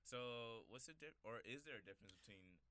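A man's voice: medium pitch, lively intonation, brisk, sharp tone, smooth. A man hosting a casual interview show, chatty and loose, often hunting for the right word. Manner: loose, chatty, searches for words. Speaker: show host.

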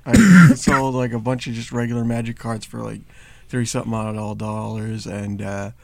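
A man's voice: medium pitch, fairly even intonation, moderate pace, creaky, a crowd in the background. A man chatting casually as a podcast guest, laid-back and full of fillers. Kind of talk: casual chat.

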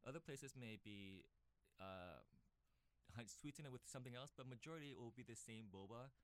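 A man's voice: mid-range voice, moderate pace, clean tone, no room sound. A man from Vietnam, a middle-aged shop co-owner and guest, speaking plainly and a little hesitantly. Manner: plain, hesitant, simple phrasing. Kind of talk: casual interview.

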